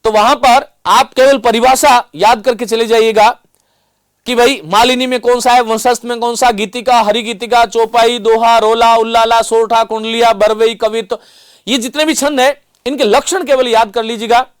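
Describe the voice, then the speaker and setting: High-voiced man teaching, dry sound. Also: fairly even intonation, clear, resonant tone, no room sound. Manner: explains carefully, often repeats reminders and slowly demonstrates sounds. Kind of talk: classroom lecture.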